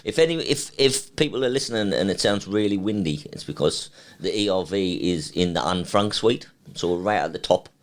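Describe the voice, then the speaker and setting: A man's voice: low voice, animated, a little fast, few pauses. A man from Sunderland with a Sunderland accent, hosting a casual interview in a chatty, jokey way with frequent laughs. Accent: Sunderland English. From Sunderland, England. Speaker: podcast host.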